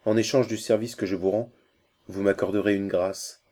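A man's voice: on the low side, steady tone, normal speed, dark tone, lightly acted. A man reading aloud and voicing an Indian messenger, a fierce conspirator full of urgency and hatred for his enemies. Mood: bargaining. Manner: urgent, scornful, savage laughter.

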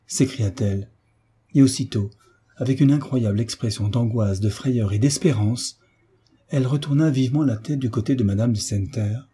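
A man narrating a classic novel in a measured, expressive reading. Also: lowish voice, slightly rough.

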